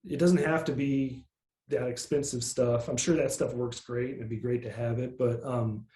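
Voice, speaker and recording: In a reverberant space, a nasal-voiced musician chats through a laid-back interview at normal speed. His mid-range delivery wanders, packed with filler words.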